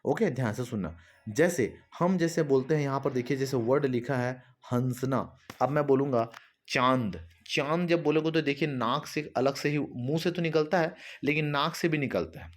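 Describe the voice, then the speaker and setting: A man's voice: medium pitch, normal speed. Man, teacher, exam-prep lesson, repetitive explaining, asks and answers own questions. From Chhattisgarh. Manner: addresses students directly with fillers like "है ना".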